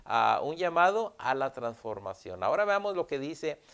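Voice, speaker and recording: A male pastor preaching a sermon in an earnest tone, repeating key phrases and pausing with "ah". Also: on the high side, sing-song, gravelly, fairly bright tone, smooth.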